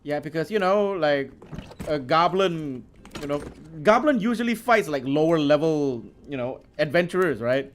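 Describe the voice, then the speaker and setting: A man's voice: on the high side, normal speed. A man casually chatting and teasing his friend while they play a game on a live stream. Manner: lively, teasing, laughs a lot. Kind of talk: casual chat while gaming.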